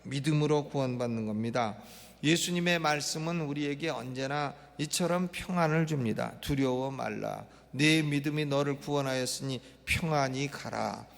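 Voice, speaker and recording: A middle-aged male pastor preaching an expository sermon, emphatic and repetitive, prodding the congregation with quick questions. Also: on the high side, gravelly. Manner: emphatic, repeats phrases, prompts the congregation with "eh?". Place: church sanctuary. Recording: long church reverb.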